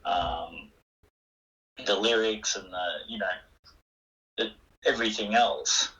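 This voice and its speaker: Bright-voiced older Australian man. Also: lowish voice, slow. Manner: rambling, self-deprecating, frequent restarts and fillers. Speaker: guest musician. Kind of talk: casual interview chat. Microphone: phone call. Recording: phone-line interview.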